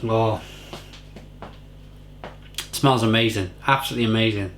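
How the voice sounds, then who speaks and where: A man's voice: fairly low pitch, moderate pace, a bit bright, slight background noise. A man giving a casual, effusive beer tasting review, often repeating phrases for emphasis.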